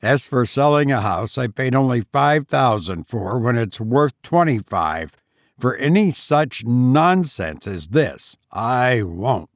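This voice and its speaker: Man playing a gruff, irritable husband. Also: mid-range voice, expressive, slow, no room sound, clean studio sound. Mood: resentful. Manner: growling, rough, emphatic.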